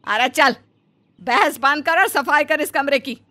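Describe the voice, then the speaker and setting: A woman's voice: sits high, unhurried, pushed and bright. A woman voicing a stern, bossy mother-in-law. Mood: scolding. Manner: scolding, commanding. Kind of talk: Hindi cartoon story voice acting.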